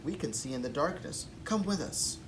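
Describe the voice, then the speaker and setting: A man's voice: a little high, expressive, moderate pace, far from the mic, noisy background, natural voice. A man voicing a tender, reassuring mother bat from a children's storybook.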